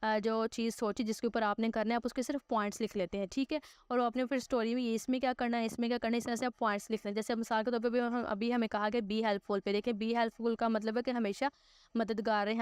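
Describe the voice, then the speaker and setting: A woman teacher talks through an online English lesson in a smooth, clear, fairly high voice. She reads English example sentences slowly and deliberately, then explains them with hesitant fillers and frequent check-ins. The sound is close and dry, with no room echo. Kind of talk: recorded online grammar lesson.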